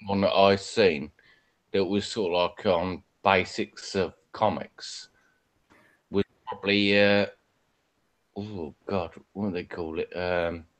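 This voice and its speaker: A man in his thirties joking and teasing in a casual stream chat. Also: low-pitched. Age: 30s. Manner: teasing and playful.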